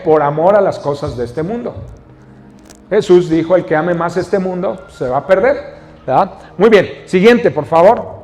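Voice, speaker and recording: A man's voice: sits high, long reverb tail. A male pastor with a Mexican Spanish accent preaching a sermon in a church, reading scripture and explaining it with questions to the congregation. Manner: teaching, reads scripture then explains, asks the congregation questions. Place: church hall.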